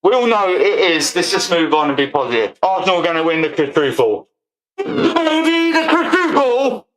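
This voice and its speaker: A man's voice: on the high side, lively intonation, fast talker, fairly bright tone, roomy sound, low-quality recording. A man, ranting profanely on a livestream and laughing often. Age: 40s. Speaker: streamer. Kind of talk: livestream rant.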